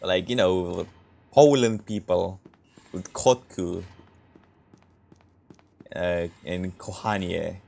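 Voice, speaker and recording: A man's voice: sits low, extremely slow, creaky, long pauses, darkish tone. A young man from Romania streaming a game, chatting casually with viewers in a laid-back, joking way with frequent laughs. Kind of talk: casual gameplay chat with viewers.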